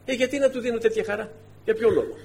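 Delivering a sermon, this man speaks in an extremely high-pitched, creaky voice. His style is chatty and animated, punctuated by sudden forceful outbursts, and he repeatedly addresses the congregation as dear brothers.

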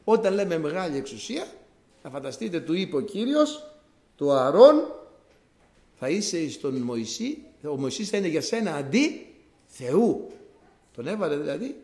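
Male preacher, animated and fairly high-pitched, explaining scripture with repetition, in an echoey church. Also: pauses often. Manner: explanatory, conversational, repeats key words for emphasis. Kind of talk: sermon.

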